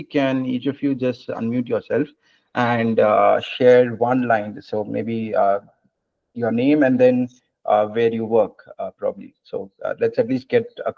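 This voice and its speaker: A man wraps up a webinar over a video call, talking in a relaxed way with plenty of fillers and pauses. His voice has a gravelly edge, and the audio sounds muffled and lo-fi. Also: mid-range voice. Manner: relaxed, many fillers, hesitant phrasing. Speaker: webinar host. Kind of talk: casual webinar Q&A and wrap-up.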